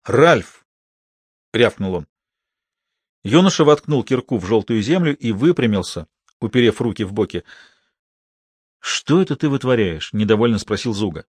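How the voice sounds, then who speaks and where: A man reading a novel aloud as an audiobook narrator, steady and measured. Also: mid-range voice, dry recording.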